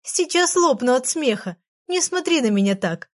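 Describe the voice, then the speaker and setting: A high, loud, giggling teenage girl from a storybook who teases her friends, as a woman reader puts her on. Her lines burst out in shrieks of fun. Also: animated, unhurried. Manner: laughing, loud, teasing.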